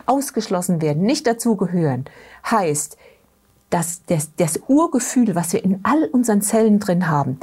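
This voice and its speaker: Husky middle-aged woman telling anecdotes. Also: medium pitch, big pitch swings, normal speed, darkish tone. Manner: explains with anecdotes, asks listener questions. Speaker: guest, therapy practitioner. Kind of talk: conversational storytelling in an interview.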